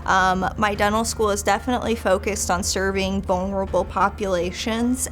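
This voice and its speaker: A young woman speaking composedly about her dental training in an interview. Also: mid-range voice. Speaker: dental student or dentist. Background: soft background music.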